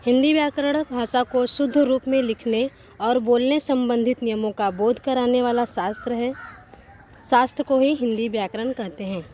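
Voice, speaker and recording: Brief: female teacher, slow and deliberate, higher voice, spells out sounds, faint noise and crows behind. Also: steady tone, dark tone. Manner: repeats and corrects herself mid-sentence. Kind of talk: Hindi grammar lesson.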